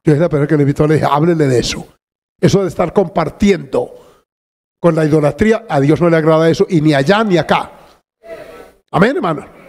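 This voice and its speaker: An older male pastor delivers a fervent sermon, his fairly high voice ringing out with praise and exclamations. A long reverb trails behind each phrase from the church hall he preaches in. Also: brisk, long pauses, darkish tone. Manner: fervent, exclamatory, interjects hallelujahs. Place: church sanctuary.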